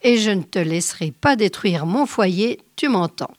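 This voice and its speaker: A woman voicing an angry, threatening husband in a story read aloud, speaking slowly and evenly. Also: medium pitch, animated, no room sound, clean studio sound, natural voice.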